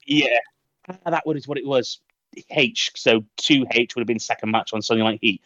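A man's voice: medium pitch, moderate pace, bright, forceful tone, no room sound. Chatty man, dull lo-fi sound. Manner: chatty, rambling storyteller. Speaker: podcast co-host. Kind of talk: casual chat.

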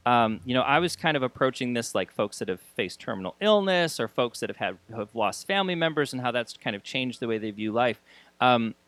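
A man hosting a podcast, talking conversationally with halting phrasing and repeated words. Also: mid-range voice, animated, fairly bright tone, no room sound. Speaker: podcast host. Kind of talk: conversational podcast intro and interviewing.

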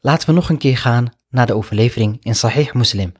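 A man with a slightly husky, breathy voice delivers a sermon as a story. He speaks in an earnest, reflective way and keeps a middle pitch, often adding Arabic honorifics as he goes. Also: quick pace. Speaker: Islamic preacher.

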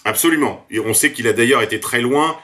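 A male radio host speaks in a hesitant way, stumbling over repeated words before his sentences come out. His pitch is ordinary for a man. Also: brisk, sharp tone. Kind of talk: radio interview.

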